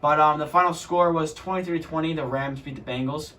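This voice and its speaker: A teenage boy interviewing classmates and chatting about sports in a rapid, filler-heavy way. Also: fairly high pitch, fairly bright tone. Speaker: student interviewer. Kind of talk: casual sports chat.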